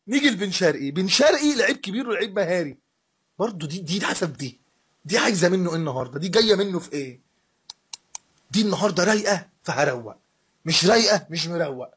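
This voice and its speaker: A man's voice: high-pitched, slightly rough. A man with an Egyptian Arabic accent hosts a football fan channel, rating players in a heated, sarcastic casual rant.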